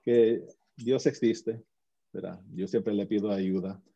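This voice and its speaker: Dark, husky-voiced man telling his story. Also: fairly low pitch, fairly even intonation, slow. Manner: earnest, talks with many restarts and tag questions. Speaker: interview guest. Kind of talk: casual conversational storytelling. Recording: muffled lo-fi audio.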